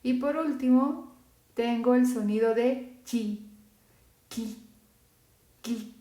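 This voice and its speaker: A woman gives a phonetics lesson in a slow, careful way, saying each example word twice. Her voice is mellow and low in brightness. The room around her sounds echoey. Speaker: Italian teacher. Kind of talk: phonetics lesson for Spanish speakers.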